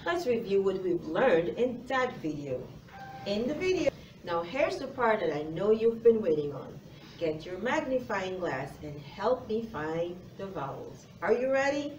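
A woman's voice: medium pitch, big pitch swings, measured pace, darkish tone, muffled recording. A middle-aged woman presenting a phonics lesson as a teacher, encouraging and speaking directly to young children, recorded by a camera across a classroom. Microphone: far camera. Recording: roomy, faint noise, distant mic.

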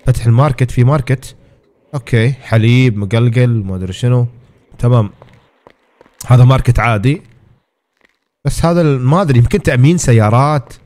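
A man's voice: mid-range voice, fairly quick, pauses often, darkish tone. A man giving casual, exclamatory commentary as he plays a game and talks to his viewers. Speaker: gaming streamer.

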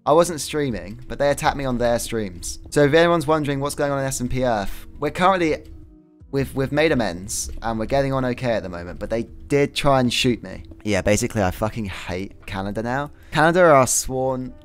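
A man's voice: mid-range voice, lively intonation, a little fast, faint music behind. A young man chatting casually while streaming a game, rambling, laughing often and swearing freely. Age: young adult. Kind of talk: casual gaming stream chat.

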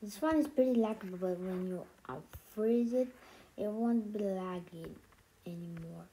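A woman drawls slowly through a casual game showcase, speaking around something in her mouth. She rambles, hesitates and lets her sentences trail off. There is steady noise and clicking behind her voice in the recording. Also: medium pitch, low-quality recording. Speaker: gaming channel host.

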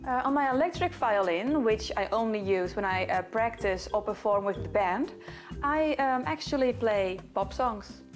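In a small living room backed by bookcases, a young woman from the Netherlands, a violinist who hosts videos, answers questions to camera in a casual chat with a Dutch accent. Her voice is on the high side and expressive at a normal speed, with soft music in the background.

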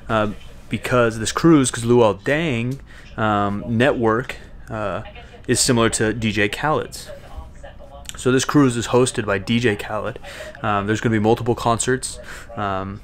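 A fitness vlogger in his twenties talks casually to a handheld camera held at arm's length in a small cruise-ship cabin. His mid-range voice is laid-back and slangy, packed with fillers.

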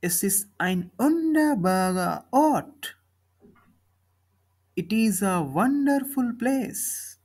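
Woman, storybook narrator, very slow, lively melody, reads each line then its translation. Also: medium pitch, husky. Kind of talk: slow storybook reading in German and English.

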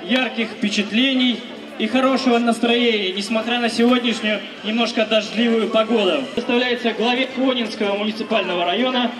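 A man's voice: extremely high pitch, steady tone, brisk, a crowd in the background. A man in his thirties reading a formal announcement from notes into a handheld mic at an outdoor event. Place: outdoors on building steps, over a loudspeaker. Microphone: handheld microphone. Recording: echoey distant outdoor PA with music.

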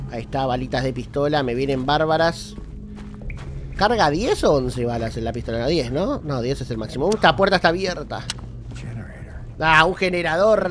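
Young Argentine gamer with a cold, fairly high voice, swears constantly, shrieks at scares, faint room hiss. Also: male voice. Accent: Argentine Spanish. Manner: swears often, screams at jump scares. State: has a bad cold. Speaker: gameplay streamer. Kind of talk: horror game let's play commentary.

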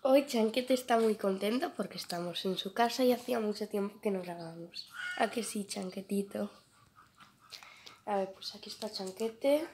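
A woman's voice: medium pitch, moderate pace, a little mellow. A woman vlogging casually on a handheld phone around a rural yard, talking affectionately to her animals with little questions and pet names. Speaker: vlogger hosting a channel about pets. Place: around a rural home's yard and animal pens, mostly outdoors. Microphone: handheld phone held by the speaker. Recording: handheld phone recording with faint noise.

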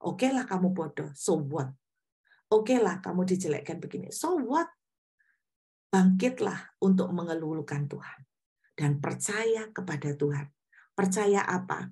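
A woman pastor delivering a sermon, telling a personal story with lively acted-out quotes. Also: fairly low pitch. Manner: animated storytelling, acting out quoted voices.

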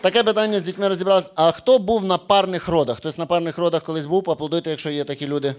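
A man's voice: on the high side, steady tone, racing, clean tone. A young man performing stand-up on a club stage, brash and profane, teasing the crowd. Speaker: stand-up comedian. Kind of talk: stand-up routine with crowd work.

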